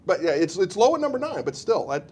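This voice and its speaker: A man co-hosting a casual music chat, animated and jokey, with plenty of fillers and restarts. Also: sits high, fast, a little hiss or hum. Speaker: co-host, web producer.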